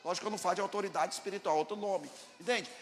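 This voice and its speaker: A Brazilian pastor with a high, racing voice preaches a sermon in Brazilian Portuguese, emphatic as he questions the congregation and acts out dialogues. The recording comes from an echoey church hall with faint ambience.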